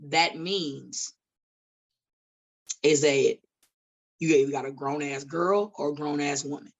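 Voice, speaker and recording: At the studio table, a late-thirties independent wrestler appears as a podcast guest, her deep voice unhurried and the recording rough. She's blunt and profane throughout the casual conversation, slipping into preachy tangents.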